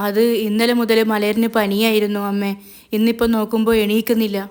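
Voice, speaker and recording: A woman's voice: mid-range voice, flat delivery, fairly quick, darkish tone, smooth, natural voice. A woman voicing an anxious young mother who is pleading and fearful for her sick daughter. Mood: worried pleading. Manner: pleading, worried.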